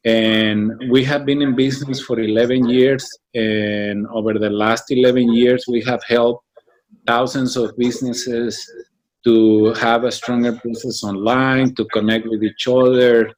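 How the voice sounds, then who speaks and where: Man, halting and thoughtful. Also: medium pitch, flat delivery. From Mexico. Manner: thoughtful, many fillers and restarts. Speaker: guest, founder of a business association. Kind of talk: interview answers.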